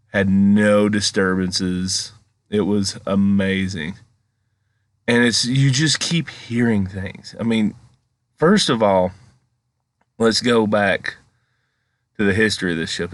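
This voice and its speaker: A man's voice: on the low side, fairly bright tone, no echo. A man giving casual, rambling, conversational commentary as a paranormal vlog host. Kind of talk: casual storytelling commentary over footage.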